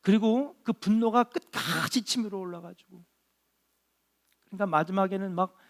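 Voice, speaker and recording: A man's voice: high voice, creaky. Earnest Korean male pastor preaching. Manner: earnest, drawn-out, with rhetorical questions and frequent affirming interjections. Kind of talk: sermon.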